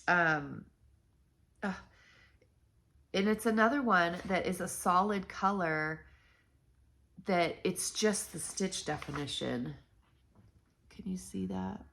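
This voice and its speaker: A middle-aged woman talks casually to her viewers, her voice nasal and stuffy from blocked sinuses. Her voice sits fairly low and has a gravelly fry running through it. She rambles, filling gaps with ums and restarting her sentences. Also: takes it slowly, long pauses, fairly bright tone. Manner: rambling, chatty, with many ums and self-corrections. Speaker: knitting channel host.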